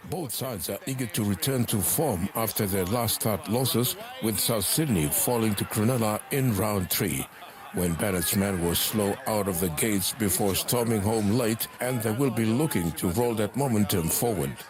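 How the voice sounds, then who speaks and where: A man delivering a scripted sports report voice-over in a smooth, steady read. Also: on the low side, moderate pace, crowd noise.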